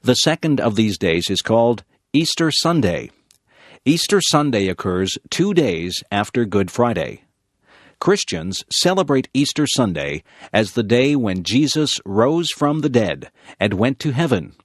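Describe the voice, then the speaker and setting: A man with an American accent reading scripted narration for English learners, slowly and clearly. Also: medium pitch, dry recording, studio quality. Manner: slow, clear, even reading.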